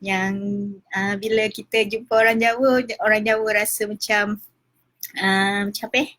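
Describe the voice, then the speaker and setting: Giggly chatty Malaysian mum teaching words. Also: female voice, mid-range voice, little pitch movement, moderate pace, fairly bright tone. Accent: Malaysian Malay, Johor. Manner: chatty, laughs often, draws out sounds to demonstrate. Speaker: home teacher of simple Javanese words. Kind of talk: casual home video lesson.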